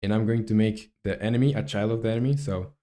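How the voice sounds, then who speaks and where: A native Spanish speaker chats casually on a live game development stream, thinking aloud in a halting, hesitant way and reading out messages from chat. His voice is on the low side with a warm tone.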